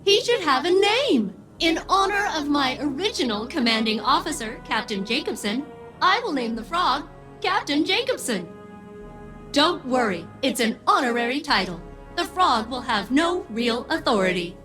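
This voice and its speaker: A woman's voice: high-pitched, big pitch swings, normal speed, sharp tone, soft background music, heavily acted. A woman voicing an upbeat, eager female ship AI who talks in bubbly, formal robot phrasing. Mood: delighted.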